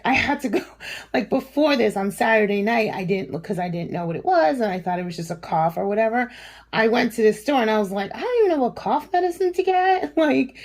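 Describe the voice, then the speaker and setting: A woman's voice: mid-range voice, a little mellow. A woman in her forties telling a long personal story in a casual chat, rambling with many fillers and frequent laughs. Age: 40s. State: recovering from a cough and sore throat. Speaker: vlogger.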